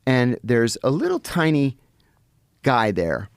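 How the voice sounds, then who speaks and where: A middle-aged man telling stories as a podcast guest, animated and vivid, often restarting his sentences. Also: mid-range voice, slow pace, no echo, studio quality. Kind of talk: anecdotal storytelling in conversation. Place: podcast studio.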